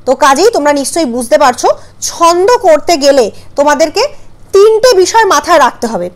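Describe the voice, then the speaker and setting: High-voiced woman teaching syllables slowly. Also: lively intonation. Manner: patient, questioning, spells out syllables slowly. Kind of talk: Bengali grammar lesson.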